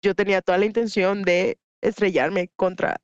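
Mexican woman guest, lively candid storyteller, muffled dry recording. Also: medium pitch, normal speed, clean tone, no room sound. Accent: Mexican Spanish. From Huasteca region, Mexico. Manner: animated, acts out quoted voices, frequent fillers. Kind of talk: candid personal storytelling in a podcast interview. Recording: dull lo-fi dry sound.

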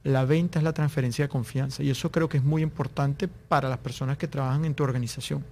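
A man's voice: mid-range voice, steady tone, fast, darkish tone, slight background noise. A man speaking as a guest in an interview, giving business advice in an earnest tone and acting out little dialogues to make his points. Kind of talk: conversational interview.

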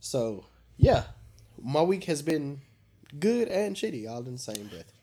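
A man co-hosting a casual podcast chat. He is congested, and he tells stories in an animated, profane way. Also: a little high, a little slow, a little hiss or hum. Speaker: podcast co-host.

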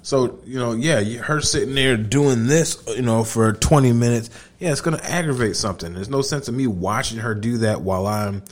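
A man at an ordinary middle pitch, co-hosting a relaxed podcast conversation. He teases and jokes, often mimicking his partner's complaints with a laugh. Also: normal speed, hardly any pauses. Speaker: podcast co-host. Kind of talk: casual chat.

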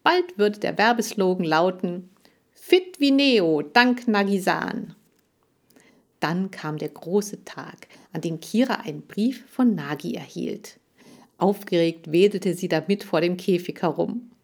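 Slow, lower-voiced woman reading a children's book. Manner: lively, first-person telling as a hamster. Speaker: audiobook narrator.

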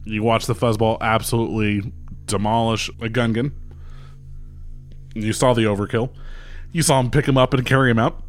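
A man's voice: fairly low pitch, fairly even intonation, normal speed, long pauses. Man, game master, casual, laughing, swears a lot, faint music behind. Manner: loose, laughing, swears freely. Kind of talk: narrating a tabletop game.

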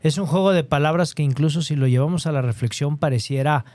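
A man's voice: fairly high pitch, quick pace, a little mellow, dry recording. A man with a Mexican accent hosting a conversation, agreeing often and building on his guest's points. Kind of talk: conversational interview.

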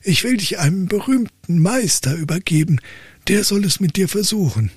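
A man voicing an old count, an angry father who scolds his son in a high, strained voice. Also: expressive, normal speed, slightly rough, no room sound, studio quality. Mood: stern. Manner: shouting in high strained outrage.

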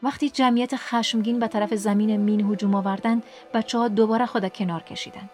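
A woman hosting a book podcast, reading a story aloud in an expressive way and sinking to a whisper in sad parts. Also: a little high, faint music behind. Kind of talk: scripted audiobook narration.

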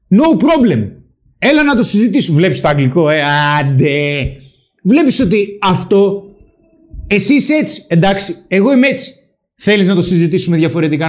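Man, high voice, animated, emphatic, loud, swears. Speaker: podcast host. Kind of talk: animated opinion talk.

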